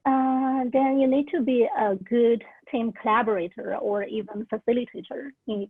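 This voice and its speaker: A young woman in her twenties who isn't an English speaker earnestly shares career tips in a casual talk at a virtual orientation, filling her speech with lots of "like" and "uh." Her voice is medium-pitched and husky. The video call audio is narrow and tinny, with no echo.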